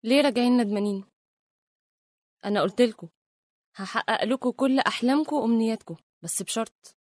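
A woman voices a mysterious, moralizing embodiment of worldly life who speaks with an Egyptian accent and a solemn, lecturing manner. Her voice sits fairly high and moves quickly, recorded close and dry. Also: a little mellow, dry recording, close to an everyday voice. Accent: Egyptian Arabic.

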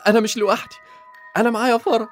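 A man's voice: extremely high pitch, flat delivery, very fast, soft background music. An Egyptian-accented actor playing a cowardly young man who pleads and panics. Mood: panicky. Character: cowardly young man, jittery, easily terrified.

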